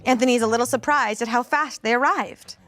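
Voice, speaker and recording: Woman narrator, comedic fan-fiction reading, amused, fairly high voice. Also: fast talker, fairly bright tone, faint music behind. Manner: amused, breaking into laughs.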